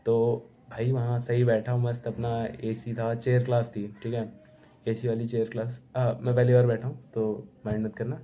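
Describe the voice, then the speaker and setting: A man's voice: medium pitch, monotone, normal speed. A young man telling a rambling, casual travel story to camera from home. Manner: chatty, rambling, keeps saying bhai. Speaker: travel vlogger. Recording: tinny phone-like sound.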